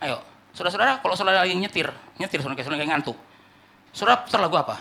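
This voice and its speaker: High, fast, gravelly-voiced preaching man. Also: lively intonation. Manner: emphatic preaching, swinging from loud climaxes to low asides; repeats "saudara yang dikasihi oleh Tuhan" as a refrain. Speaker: pastor. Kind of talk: sermon.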